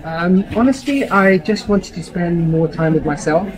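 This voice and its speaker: A man's voice: high-pitched, expressive, moderate pace, low-quality recording. A man, hosting a vlog and talking eagerly with fillers. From London. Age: 30s. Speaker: vlog host. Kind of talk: casual vlog talk.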